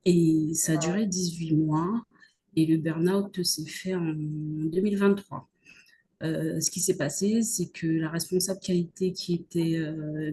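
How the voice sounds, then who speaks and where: A woman from French Guiana giving a measured, hesitant personal testimony over a video call. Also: low-pitched, warm tone. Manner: measured, hesitant, many pauses. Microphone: video call microphone.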